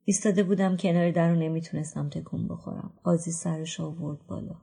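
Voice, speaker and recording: Woman narrating an audiobook, low voice, husky and gravelly, quiet introspective reading. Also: fairly even intonation. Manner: quiet, introspective, drops to whispers. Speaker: book reader. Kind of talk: first-person literary narration.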